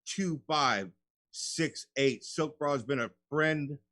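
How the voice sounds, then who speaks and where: A male radio host talks in a fairly high voice with a dry, close sound. He chats casually and slangily, treating whoever he addresses like a buddy. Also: takes it slowly, sharp tone, no room sound. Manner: slangy, buddy-like, says "bro" and "man" often. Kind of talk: casual talk radio chat.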